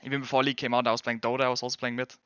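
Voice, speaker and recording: A young Danish game streamer and pro player, with a Danish accent, chats casually with viewers, answering them in a rambling, hedging, self-correcting way. His mid-range voice is flat, rapid-fire, bright, forceful and smooth, in a dry, lo-fi recording.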